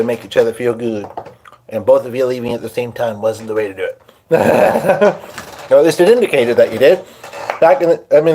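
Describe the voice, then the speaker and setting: A Hungarian man with a fairly high but darkish voice rambles casually to his live-stream viewers from home, chatting while he gets set up at his piano to play. He's recorded on a phone, with a little hiss or hum in the background.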